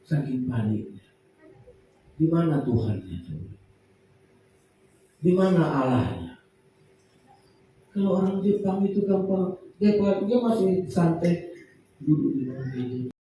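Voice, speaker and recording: A man preaching a sermon in a church, animated, acting out the panicked cries of people. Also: fairly high pitch, unhurried, long pauses. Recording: echoey church hall from far off, faint noise.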